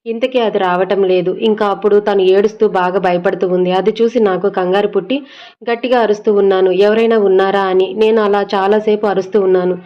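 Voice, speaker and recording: A woman's voice: mid-range voice, steady tone, fairly quick, lo-fi sound, close to an everyday voice. A woman voicing a frightened young male student in an audio story, telling his ordeal in an anxious, pleading way.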